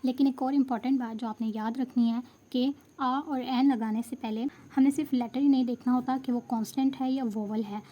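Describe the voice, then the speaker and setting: A woman's voice: high voice, fairly even intonation, fairly quick, hardly any pauses, lo-fi sound. A woman teaching English grammar, explaining step by step in a patient way and stopping to check that students follow. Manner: patient, checks understanding, mixes Hindi and English. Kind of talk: explanatory lesson.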